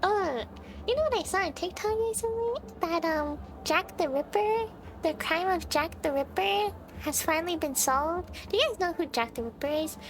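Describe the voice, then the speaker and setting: A woman livestreamer with a very high-pitched voice chats casually to viewers at normal speed while she plays a game. She thinks aloud and often asks questions, with video game music in the background.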